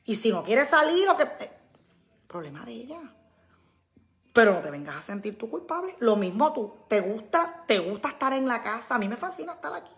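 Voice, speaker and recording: Woman in her 40s, casual chat with viewers, highish bright voice, acts out her friends. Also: brisk. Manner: animated, acts out quoted friends. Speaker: podcast host. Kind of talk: casual live talk to viewers.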